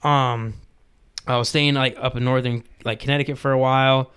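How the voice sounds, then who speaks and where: A man tells a long story on a casual podcast, looping back on himself and leaning on "like" all the way through. His voice is smooth and clear, at an ordinary middle pitch. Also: steady tone, moderate pace, fairly bright tone. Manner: rambling, fills talk with "like". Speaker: podcast host.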